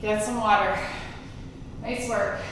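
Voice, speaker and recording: Woman workout instructor, unhurried pace, encouraging cues, slightly winded, distant microphone. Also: mid-range voice, fairly even intonation. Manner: encouraging, calling out brief commands and countdowns. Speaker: fitness instructor leading a Tabata workout. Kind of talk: live workout coaching with short cues and demonstrations. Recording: echoey room, distant mic, noisy.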